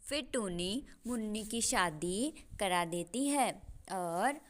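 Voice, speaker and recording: A woman narrating a children's cartoon story and voicing its characters, in a gentle moralizing manner. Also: medium pitch, animated, slow pace.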